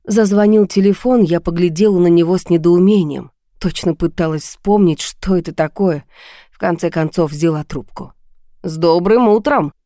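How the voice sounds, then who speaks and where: Female audiobook narrator, first-person novel, low and mellow, dry close mic. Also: fairly even intonation, moderate pace, no echo.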